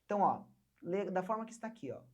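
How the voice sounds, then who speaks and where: A young woman from Brazil teaching an online English lesson, patiently repeating words slowly for learners to copy. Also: medium pitch, expressive.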